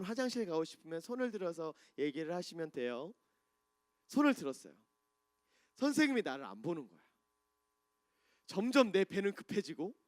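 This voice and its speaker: A man preaching a sermon as a pastor, telling a story from his childhood, swinging from hushed moments to loud climaxes. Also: high voice, no room sound, studio quality. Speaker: pastor and worship leader.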